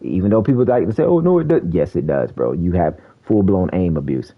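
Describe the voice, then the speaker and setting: Man on a lo-fi low quality stream mic. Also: big pitch swings, fairly quick. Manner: slangy, calls out enemies, says "bro" a lot. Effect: low quality stream audio, bad mic. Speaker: gaming streamer. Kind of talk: casual live gameplay commentary.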